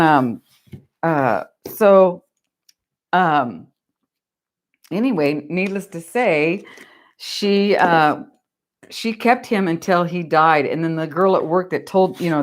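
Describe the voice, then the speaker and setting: A woman telling a rambling, chatty story while she crafts, often laughing at her own tale. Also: low voice. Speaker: craft vlogger.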